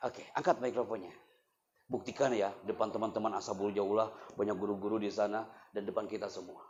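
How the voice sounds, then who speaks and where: A man giving a religious motivational talk to students at a boarding school gathering, teasing them playfully and swinging into loud, dramatic storytelling. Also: fairly low pitch, fairly even intonation, a little fast, echoey room. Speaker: motivational speaker. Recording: slightly dull with faint noise.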